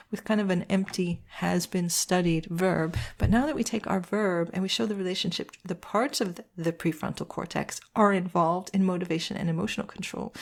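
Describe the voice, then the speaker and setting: A woman's voice: lowish voice, gravelly. A woman teacher walks through editing a text step by step, asking questions aloud and answering them herself. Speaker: writing teacher. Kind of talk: walkthrough editing lesson.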